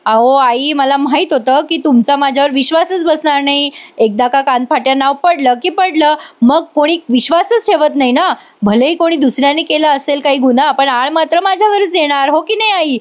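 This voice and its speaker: A woman voicing a scheming young woman, taunting, accusing, high voice. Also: normal speed, hardly any pauses, lightly acted.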